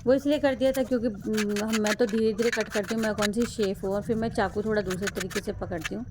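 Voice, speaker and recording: A woman's voice: mid-range voice, steady tone, fast talker, noisy background. A woman, a mother, casually narrating a family vlog and talking straight to viewers while she cooks. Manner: chatty, talks straight to viewers while cooking.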